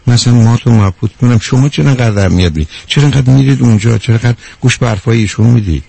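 A man's voice: medium pitch, vocal fry, dark tone, husky. A man hosting a call-in advice show, bluntly lecturing a caller with rhetorical questions and calling her dear. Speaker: radio advice host. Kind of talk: call-in counseling.

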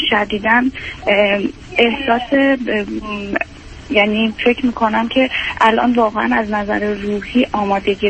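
A woman's voice: medium pitch, creaky, a bit bright. A woman in her thirties calls in for advice, hesitant and self-doubting, with many fillers. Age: 30s. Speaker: caller. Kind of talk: call-in question. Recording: dull phone line with faint hiss.

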